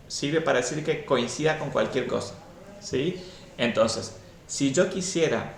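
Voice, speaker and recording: A man's voice: mid-range voice, vocal fry, echoey room. A man teaching a programming class live and explaining step by step, often checking in with "¿sí?".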